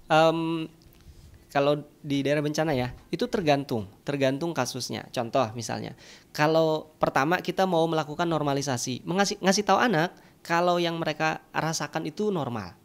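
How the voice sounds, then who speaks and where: A man's voice: on the high side, moderate pace. A man who is a children's storyteller, explaining in a podcast conversation. He talks animatedly and uses sound effects.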